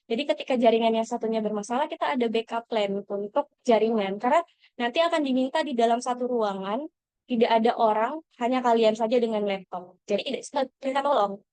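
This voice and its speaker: A woman's voice: a little high, fast, darkish tone, smooth, dry recording. A woman mentoring scholarship applicants in an online lesson, speaking encouragingly to the audience with frequent fillers and self-corrections.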